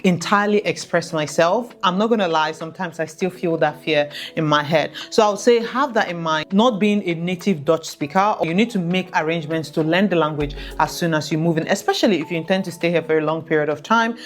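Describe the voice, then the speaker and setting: An expat vlogger with a fairly low voice gives practical advice, speaking earnestly and directly to her viewers. She talks briskly, barely pausing.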